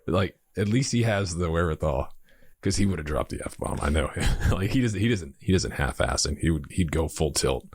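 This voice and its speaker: A man guesting on a podcast, telling stories in an animated way and laughing often. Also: low voice, a little fast, husky, no room sound. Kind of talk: casual podcast conversation.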